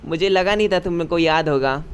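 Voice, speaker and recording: A man's voice: a little high, moderate pace, clear, resonant tone, close to an everyday voice. A man voicing a flustered young male hero who fibs nervously in a raised voice, within a casual anime recap. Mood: nervous fibbing. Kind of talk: recap narration with acted quotes.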